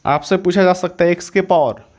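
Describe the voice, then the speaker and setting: Guy w/ an indian going over maths formulas, kinda high voice, says everything twice. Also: brisk, darkish tone. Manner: repetitive, restates each step several times; self-correcting, says sorry mid-explanation. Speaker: maths teacher. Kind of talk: exam-prep maths lesson.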